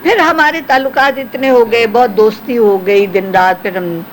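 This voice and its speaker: A woman's voice: fairly high pitch, slight background noise, low-quality recording. An older woman, a former film actress, reminiscing in an interview and acting out the voices of people she quotes. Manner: animated storytelling, acts out quoted voices.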